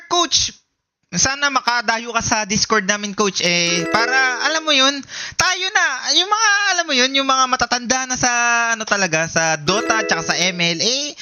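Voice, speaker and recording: A man in his twenties streaming a casual reaction, excitable and profane, rambling and teasing. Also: very high voice. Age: 20s. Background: background music.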